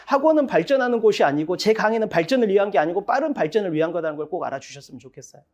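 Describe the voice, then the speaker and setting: An English cram-school instructor at an info session for parents, talking bluntly and emphatically with rough slang and rhetorical questions they answer themselves. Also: mid-range voice, lively intonation, racing, a little mellow, muffled recording. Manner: asks rhetorical questions, then answers them.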